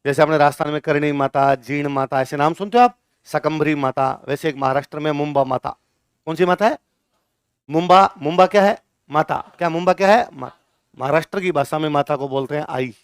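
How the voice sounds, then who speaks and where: A man teaches a class in a lecture and keeps quizzing his listeners. His voice sits fairly high and sounds clean and crisp. The recording is dry and close. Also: brisk, no room sound. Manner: asks the class questions and answers them himself.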